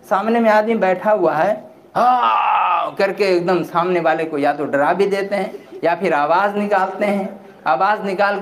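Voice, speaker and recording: A man teaching at a religious gathering in a plain, conversational way after slow recitation. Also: high voice. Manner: recites Quran slowly, then explains in plain conversational tone. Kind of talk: religious instruction talk. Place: gathering hall. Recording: echoey room with faint ambient noise.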